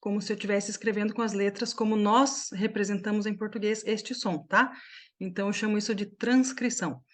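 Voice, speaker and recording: A woman from Brazil leads an online language class through a computer microphone, her voice sitting at an ordinary middle pitch. She explains each point step by step and keeps checking that her students are following. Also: steady tone. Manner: explains slowly with many checking questions. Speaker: English teacher.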